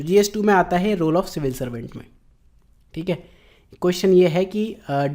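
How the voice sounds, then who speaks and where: A middle-aged man with an Indian accent, lecturing on exam questions and slowing down to read each question out. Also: a little high, dark tone. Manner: explanatory, slows down to read English question text. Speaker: exam coaching teacher.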